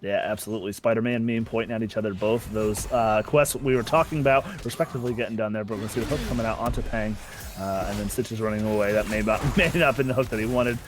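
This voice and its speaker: A man's voice: lowish voice, quick pace, background noise. A man co-casting an online video game match, chatting loosely with lots of fillers as he breaks down the plays. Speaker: esports co-caster. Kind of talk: esports color commentary.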